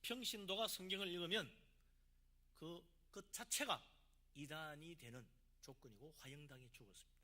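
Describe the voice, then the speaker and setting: A man's voice: on the high side, moderate pace, pushed and bright. A man, a pastor from South Korea, preaching a sermon with emphatic delivery and rhetorical questions.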